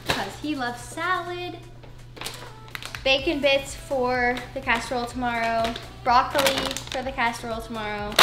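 Chatty young woman in a roomy kitchen. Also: on the high side. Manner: chatty, filler-heavy, listing items one by one. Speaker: vlogger. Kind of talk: casual grocery haul vlog. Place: home kitchen, indoors.

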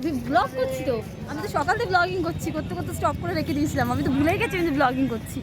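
A woman's voice: sits high, animated, rapid-fire, crowd noise. A woman, vlogging casually to her viewers on a handheld phone, chatty and rambling. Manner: chatty, rambling, repeats herself. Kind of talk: casual daily vlog talk to viewers.

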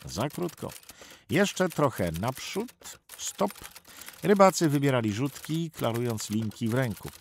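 A man's voice: medium pitch, big pitch swings, measured pace, a little hiss or hum. A man giving tense, vivid documentary narration of a sea rescue. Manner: tense, vivid storytelling that acts out the shouted orders.

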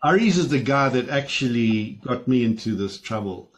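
A man's voice: mid-range voice, lively intonation, moderate pace. A man hosting a panel on a video call, stammering through restarts as he moderates. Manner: warm, stammering restarts, laughs. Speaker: host and moderator.

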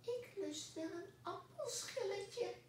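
A woman voicing a tiny talking cockroach in a storybook with a small, squeaky voice. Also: animated, slow pace, a little hiss or hum, full character voice. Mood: worried. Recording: echoey room, distant mic.

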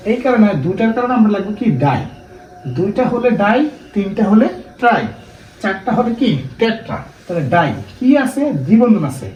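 A man gives a step-by-step classroom lecture, often asking his students rhetorical questions. His voice sits high and moves lively up and down. He is picked up from a distance in an echoey room with faint background noise. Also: highs cut off. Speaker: chemistry teacher.

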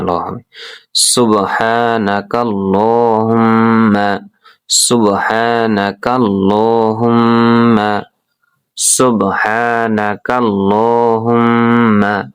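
A man teaching how to pronounce a prayer, repeating each phrase slowly for learners. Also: deep voice, gravelly, no room sound. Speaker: religious teacher. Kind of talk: recitation lesson.

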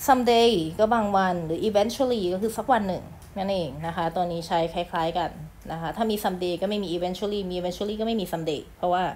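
A woman's voice: medium pitch, a little mellow, a little hiss or hum. Chatty woman teacher explaining a lesson. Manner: explains in Thai, reads English phrases slowly and clearly; polite sentence endings, chatty asides. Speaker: English teacher.

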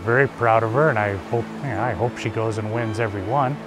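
A man's voice: on the low side, quick pace. A man, a fly fishing coach, speaking in a plainspoken, easygoing way in an outdoor interview. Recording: distant mic with music bed.

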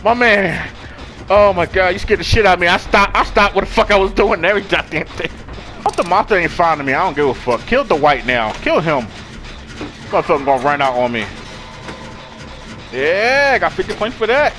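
Young male gamer, high lively voice, loud and profane, quick to apologize. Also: a little hiss or hum, poor audio. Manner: yells often and swears a lot; apologetic and laughing in between. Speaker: gamer playing with a friend. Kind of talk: excited gaming commentary.

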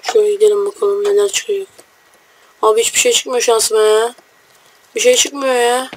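A man's voice: sits high, little pitch movement, moderate pace. Brash young man commenting on a game. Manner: brash, joking, swears at enemies. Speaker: gamer. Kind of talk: casual let's-play commentary.

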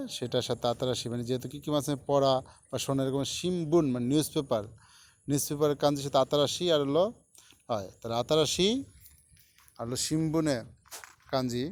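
A man teaching Japanese kanji in a lesson, repeating each word and its meaning slowly for learners. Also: medium pitch. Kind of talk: kanji lesson explained in Bengali.

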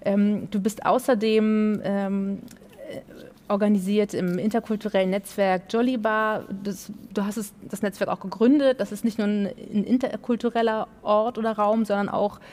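A woman's voice: mid-range voice, fairly even intonation, moderate pace, darkish tone. A young woman moderating a panel on a theatre stage, earnest and hesitant with many fillers.

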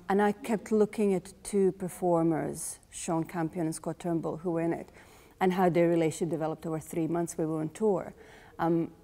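In a big rehearsal hall full of long reverb, a playwright and director in her forties talks through her work in an interview with a Croatian accent. Her voice is on the low side, dark and marked by vocal fry, and she pauses thoughtfully to find her words.

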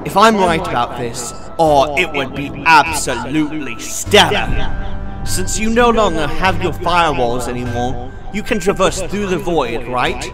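A man's voice: a little high, lively intonation, unhurried. A man playing a heroic, eccentric time-travelling adventurer in an audio drama, with a theatrical delivery. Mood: excited, resolute. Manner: theatrical, declamatory. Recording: music bed under the voice.

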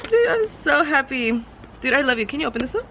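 A woman of twenty-two, talking to her camera in a casual vlog, excitable and gushing, full of slang. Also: high-pitched, quick pace, heavy background noise. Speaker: vlogger.

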